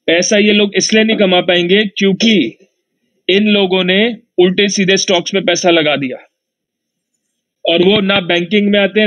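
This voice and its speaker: A man's voice: high voice, a bit bright, muffled recording. A man from Nepal delivering a heated, mock-serious rant in an online audio chat room, warning and taunting his rivals in a preachy tone. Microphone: own device in an online audio room.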